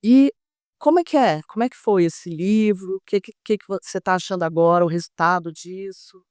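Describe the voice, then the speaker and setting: A woman's voice: on the low side, fairly quick, darkish tone, dry recording, clean studio sound. A woman hosting a podcast interview, asking her guest questions in a casual, conversational way. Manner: conversational, strings together follow-up questions. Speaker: podcast host.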